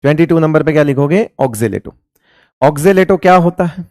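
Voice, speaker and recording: A male chemistry teacher lecturing a class, firing the same question again and again before answering it himself. His voice sits a little high for a man, and he calls his students beta and raja. The sound is dry and close, with little room echo. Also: animated, normal speed, darkish tone.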